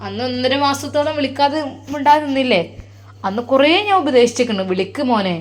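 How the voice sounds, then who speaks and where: A woman's voice: high voice, fairly quick, natural voice. A woman playing a grumbling, fretful mother with a Malappuram accent. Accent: Malappuram Malayalam. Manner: complaining, fretful. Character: anxious grumbling middle-aged mother.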